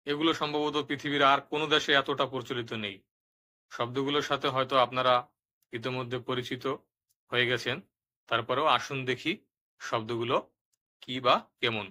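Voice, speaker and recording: A man narrating a step-by-step language lesson, explaining pronunciation rules and repeating each example word twice, slowly and clearly. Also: medium pitch, pushed and bright. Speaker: language teacher.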